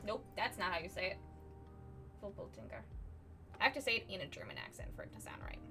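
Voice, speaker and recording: Over music, a woman streamer chats casually from her couch at home while drawing on a live stream, rambling and poking fun at herself with frequent "like" fillers. Her lowish voice swoops wildly in pitch, and she talks very fast.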